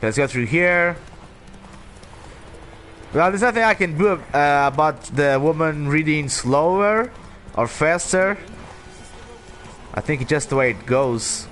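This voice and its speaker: A chatty man streams a game with casual commentary. His voice sits on the high side and swings playfully up and down. Game noise is clearly audible behind him. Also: lively intonation, slow pace, long pauses, fairly bright tone. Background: game ambience.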